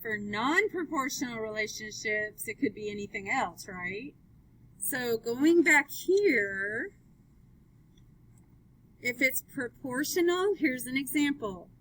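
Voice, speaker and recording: A woman's voice: on the high side, expressive, takes it slowly, a bit bright, poor audio. A woman teaching a math class, upbeat, asking students question after question as she works through graphs. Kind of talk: live classroom lesson.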